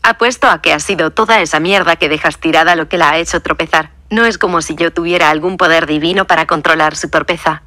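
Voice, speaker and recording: A woman's voice: sits low, fast, few pauses, sharp tone, no room sound. A woman voicing a tense, defiant teenage boy who answers curtly through clenched teeth.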